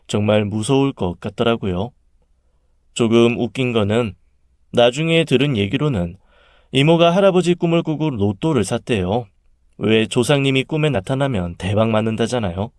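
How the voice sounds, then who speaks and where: A man telling a first-person story in a calm, confessional manner. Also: medium pitch, no room sound, studio quality. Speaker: story narrator.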